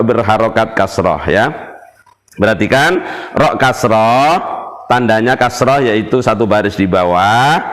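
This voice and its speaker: Guru mengaji pria yang berbicara sangat lambat. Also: male voice, mid-range voice, in a large hall. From Indonesia. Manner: repeats syllables and drills pronunciation, frequent "ya" check-ins. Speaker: Quran recitation teacher. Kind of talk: slow classroom teaching with recited examples.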